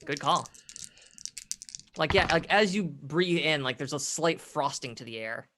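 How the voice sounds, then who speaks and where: A man's voice: on the high side, expressive, a little slow, bright, forceful tone. A man working as game master, narrating casually and improvising vivid descriptions.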